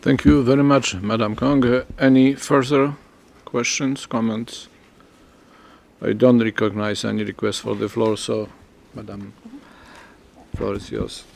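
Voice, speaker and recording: A man with a gravelly, creaky voice chairs a formal committee session. He speaks briefly and procedurally, calling on members and passing the floor. His pitch is middling. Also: level tone, unhurried, a little mellow.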